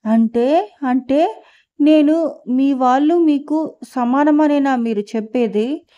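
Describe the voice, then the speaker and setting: Woman voicing a furious, sharp-tongued wife. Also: high-pitched, slow, highs cut off. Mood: angry. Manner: scolding, confrontational.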